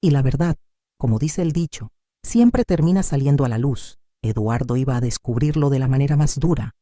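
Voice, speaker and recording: An older woman tells a dramatic story in the first person, expressive and full of feeling. Her pitch swings widely, and her tone is mellow and warm. The recording is dry and close, with no room sound. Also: moderate pace, dry recording. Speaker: narrator.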